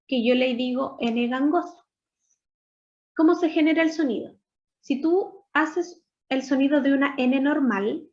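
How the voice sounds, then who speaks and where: A woman teacher speaks in a high voice, patiently walking through each point in a recorded online lesson. She slows down to model English words. The sound is dull and lo-fi. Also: darkish tone. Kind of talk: recorded online lesson explaining grammar and pronunciation.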